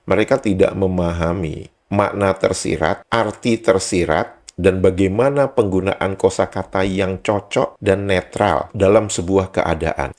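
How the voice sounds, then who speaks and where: A man with a very low voice hosts a commentary show, mocking his targets. He keeps asking rhetorical questions and answering them himself. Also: a little mellow. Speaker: host. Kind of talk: commentary monologue.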